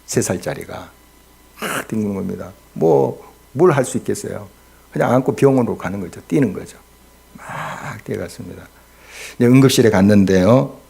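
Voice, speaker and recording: Low, gravelly-voiced male pastor preaching. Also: expressive, moderate pace. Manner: earnest preaching that swells loud on key words, with rhetorical questions. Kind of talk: midweek prayer-meeting sermon. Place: church.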